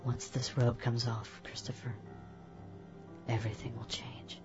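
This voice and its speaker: A man voicing a seductive, teasing woman in her late thirties, in a breathy whisper. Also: mid-range voice, completely flat delivery, unhurried, voice pushed up. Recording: dull, echoey, with soft music.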